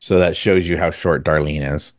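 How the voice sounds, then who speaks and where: A man's voice: rumbling low, fairly even intonation, moderate pace, no room sound. A man co-hosting a casual chat podcast, musing aloud in wandering asides. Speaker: podcast co-host.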